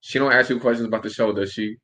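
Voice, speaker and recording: A man's voice: medium pitch, fairly even intonation, quick pace, sharp tone. A man from upstate New York interviewing a guest in a casual, conversational style. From Albany, New York, also Brooklyn and Long Island.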